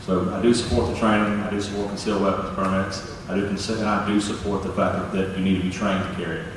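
A middle-aged man, a candidate speaking at a forum, talking haltingly with frequent restarts. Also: deep voice, little pitch movement. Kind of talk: public forum answer. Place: large church hall, indoors. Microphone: handheld mic, filmed from far. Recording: echoey hall from far off, hiss.

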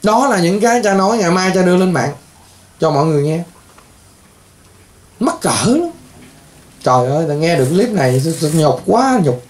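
A male priest with a high-pitched voice. He rambles, scolds and lectures his listeners, often breaking into exclamations. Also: lively intonation, fast talker. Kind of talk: scolding talk to patients.

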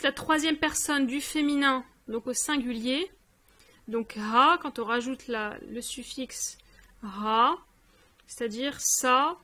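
Slow, patient higher-voiced woman teaching. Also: a bit bright. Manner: patient, addresses learner informally, repeats examples. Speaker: language teacher. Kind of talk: explaining grammar lesson.

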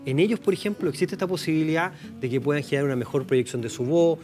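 A man hosting a TV talk show, playful and joking, asking quick questions. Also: on the high side, animated, darkish tone, soft background music. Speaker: TV show host. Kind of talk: casual TV talk show chat.

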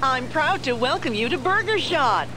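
A performer voicing an eerily polite fast-food cashier in a video game, speaking in a too-smooth, android-like way. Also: high voice, lively intonation, background noise. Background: game music.

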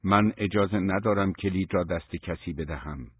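A bitter, defensive brother in a storybook quarrel, played by a male narrator. The voice is low and husky, and the sound is dry and tinny, like a phone line. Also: no echo. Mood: resentful. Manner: indignant, defensive. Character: touchy, resentful older brother shopkeeper. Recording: thin phone-like dry recording.

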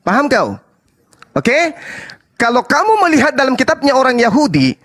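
A man's voice: very high voice, fairly bright tone. A man in a heated religious debate over an online call, pressing his questions and mocking his opponent.

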